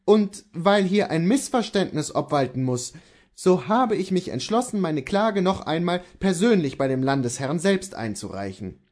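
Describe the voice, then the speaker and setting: A man voicing an earnest horse dealer in a classic story, speaking to his wife in a measured, gently persuasive way. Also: high voice, very animated, pitched above the performer's own voice. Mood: calm reassuring. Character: earnest horse dealer husband, steadfast and tender.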